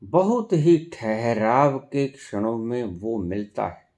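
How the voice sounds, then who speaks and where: A man delivers a sermon at an unhurried pace. His pitch swings widely, climbing on emphatic phrases before settling back down as he explains. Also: expressive, a little mellow. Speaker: spiritual teacher.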